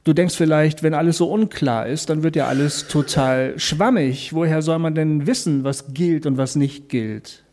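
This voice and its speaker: Guy doing a calm faith talk, kinda high voice but warm and soft, talks right to you, lots of questions. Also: moderate pace, few pauses. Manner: explains calmly, speaks directly to the listener; asks rhetorical questions.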